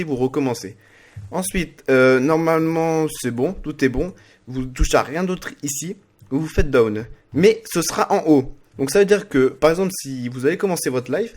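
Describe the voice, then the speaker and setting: A man hosting a casual screen-recorded software tutorial, talking haltingly with many fillers and restarts as he narrates his clicks. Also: on the high side. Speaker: streaming tutorial host.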